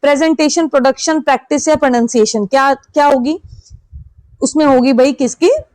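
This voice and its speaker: A woman with an Indian accent coaching students for an exam, with a high, bright voice. She reads each English question slowly, then answers it herself. The sound is dry and close, with no room around it. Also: no room sound, rough recording. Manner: explains in Hindi, reads English questions slowly, asks and answers her own questions. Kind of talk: online exam-prep lesson.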